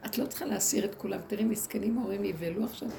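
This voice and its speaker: Speaking to a women's group as a rebbetzin, a woman with a mellow, mid-range voice and some vocal fry tells lively stories and performs the voices of those she quotes. The talk was recorded live amid room noise.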